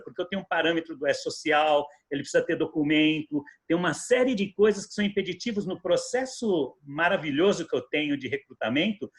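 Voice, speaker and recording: Higher-pitched man with a Bahian accent. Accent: Bahian Brazilian. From Bahia, Brazil. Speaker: people and technology manager, roundtable participant. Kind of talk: reflective remarks in an online discussion.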